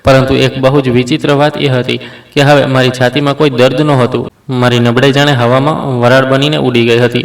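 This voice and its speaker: A man's voice: mid-range voice, creaky. A man narrating a dramatic first-person story in a scripted reading. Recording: roomy echo, distant mic.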